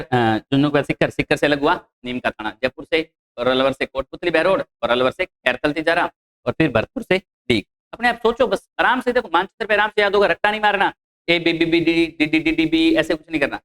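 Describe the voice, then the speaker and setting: A man's voice: mid-range voice, a bit bright. A man teaching an exam-prep geography lecture in Hindi with a Rajasthani accent, asking his own questions and answering them and repeating key answers. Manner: lists place names in quick runs.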